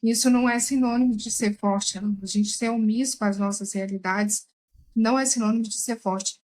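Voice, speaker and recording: A woman's voice: fairly high pitch, steady tone, fairly quick, darkish tone, low-quality recording. A woman commenting emphatically on a recorded chat, often calling out to her listeners. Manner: emphatic, addresses listeners as "gente". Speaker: therapeutic tarot reader, guest. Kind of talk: casual commentary while watching a recorded chat.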